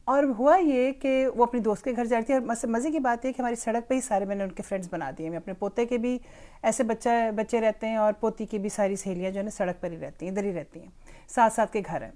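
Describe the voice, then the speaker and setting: Older woman with a lightly raised pitch, chatting warmly through a personal story about parenting, mixing two languages. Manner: chatty, switches freely between Urdu and English. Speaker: grandmother sharing parenting advice. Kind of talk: casual storytelling monologue.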